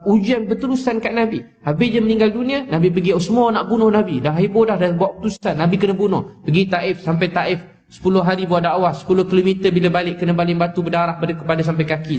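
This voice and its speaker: Malaysian male preacher, slightly high voice, passionate repeating storyteller; dull, roomy recording. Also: a little mellow. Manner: impassioned storytelling, repeats phrases, rising pitch in emotional passages. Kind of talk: sermon. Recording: echoey dull lecture-hall recording.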